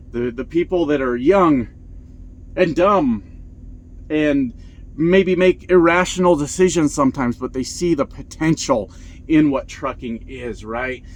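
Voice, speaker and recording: A man talking in a casual vlog about trucking, blunt and profane, telling stories with lots of energy. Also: mid-range voice. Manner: blunt, profane, animated storytelling. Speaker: truck driver vlogger. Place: inside his truck cab.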